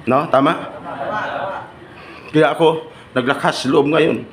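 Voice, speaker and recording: A man's voice: fairly high pitch, fairly even intonation, slow. A man giving a live seminar to trainees, teasing and bantering with the audience and often asking them to agree. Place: training room. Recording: echoey room with background noise.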